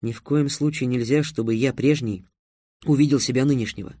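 A man voicing an earnest, cautious young hero, speaking low and subdued. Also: a little fast, warm tone, no room sound, clean studio sound, lightly acted.

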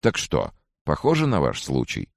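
A man's voice: a bass voice, wildly swooping pitch, moderate pace, creaky, no room sound, exaggerated voice. A man voicing a tired male doctor who speaks in a dry, matter-of-fact, slightly mocking way, as an audiobook character voice.

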